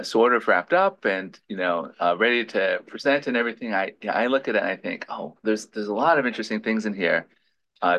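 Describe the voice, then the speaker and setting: A man with a lowish, creaky, slightly bright voice runs a lab meeting and introduces a guest. His speech is informal and halting, with lots of restarts and fillers.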